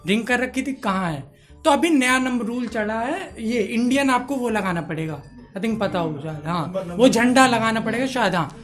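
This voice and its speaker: A man's voice: very high voice, animated, moderate pace, a bit bright, soft background music. Chatty male stand-up comedian. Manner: chatty, addresses audience directly.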